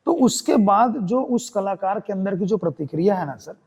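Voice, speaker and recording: High-voiced young Chhattisgarhi storyteller man. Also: normal speed, husky. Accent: Chhattisgarhi Hindi. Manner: animated storyteller acting out quoted voices. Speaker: guest theatre artist. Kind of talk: podcast interview storytelling.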